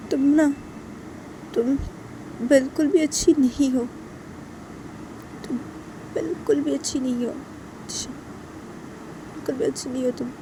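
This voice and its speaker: A woman's voice: sits high, dark tone, a little hiss or hum, pitched above the performer's own voice. A woman voicing a hurt young woman who cries and scolds with repeated questions. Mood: hurt angry. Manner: sobbing, repetitive scolding questions. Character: hurt, tearful young woman, angry and unforgiving.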